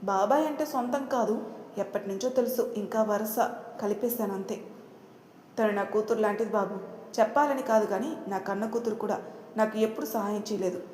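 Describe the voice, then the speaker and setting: A woman's voice: mid-range voice, moderate pace, darkish tone, reverberant, slight background noise, natural voice. A woman voicing an elderly male ice cream cart vendor who talks in an affectionate, fatherly way. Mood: fond.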